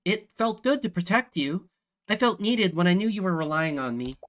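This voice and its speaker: A man voicing an earnest, devoted companion in a video game, with a halting, heartfelt, sorrowful delivery. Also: high voice, animated, fairly bright tone. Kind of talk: dramatic visual novel game acting.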